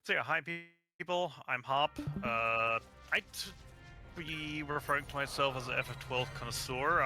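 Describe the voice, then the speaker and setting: A man who has a cold talks casually as a guest game expert on a live stream. He is on a voice call, and music plays clearly behind him. His pitch sits in the middle of the usual male range. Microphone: voice call over Discord.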